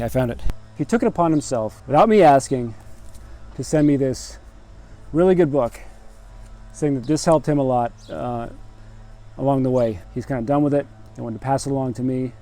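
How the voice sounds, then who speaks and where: A man hosting his bonsai channel, reading a long casual list of shout-outs in a laid-back, joking way with the odd curse word. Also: mid-range voice, moderate pace, long pauses. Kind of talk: casual shout-out roll call.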